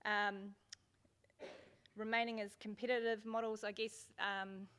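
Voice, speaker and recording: A woman's voice: mid-range voice, flat delivery, measured pace, a bit bright, clean tone. A woman giving an informal business presentation at a conference, speaking in a hesitant, loosely phrased way. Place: indoor conference venue.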